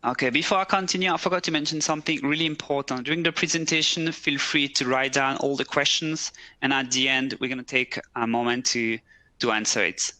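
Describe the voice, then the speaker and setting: Bright-voiced man presenting. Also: medium pitch, fairly quick, no echo. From French-speaking Switzerland. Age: 30s. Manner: relaxed, slightly broken English phrasing. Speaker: recruiter. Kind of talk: webcast presentation. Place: office.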